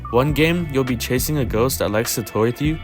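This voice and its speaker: A man's voice: medium pitch, a little fast. Man narrating a game review over music. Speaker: video game reviewer and host.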